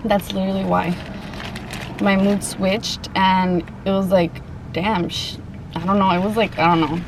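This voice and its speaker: A woman chatting casually and haltingly to viewers in slangy, informal speech while eating, sometimes with her mouth full. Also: mid-range voice, little pitch movement. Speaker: mukbang vlogger. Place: open-top Jeep outdoors. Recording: clear car and outdoor ambient noise.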